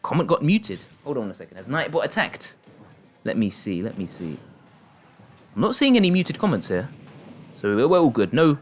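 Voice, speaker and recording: Faint music sits behind this male streamer, who talks at a moderate pace with long pauses while commentating online fighting matches and chatting with his audience. He gets excited in his play-by-play, laughs often, and his pitch jumps on the big plays.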